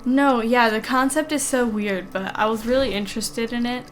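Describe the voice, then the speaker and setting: Higher-voiced woman with a slight lisp. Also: normal speed, slight background noise. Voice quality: slight lisp from wearing dental aligners. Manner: casual, rambling, reading game text aloud between remarks. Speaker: game streamer. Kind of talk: casual chat while playing a video game. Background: game music.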